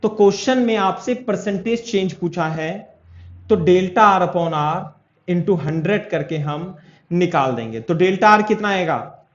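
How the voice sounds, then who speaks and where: With lively intonation and an unhurried pace, a male physics teacher whose voice sits high walks his class through a problem step by step. He keeps checking whether the students follow, and the sound is lo-fi, dull and echoey from the room.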